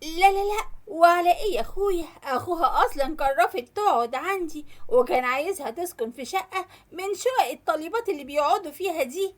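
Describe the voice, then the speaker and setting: A woman's voice: sits high, animated, fast talker, voice pushed up. A woman with an Egyptian accent voicing a middle-aged mother who scolds her son. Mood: scolding. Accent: Egyptian Arabic.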